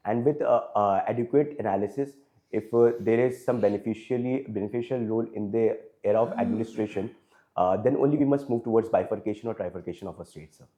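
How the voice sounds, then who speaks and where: A mellow, fairly low-pitched male voice belongs to an interview candidate in his twenties with an Indian English accent. His formal answers come hesitantly, peppered with fillers, and he stays deferential, often addressing the interviewer as "sir."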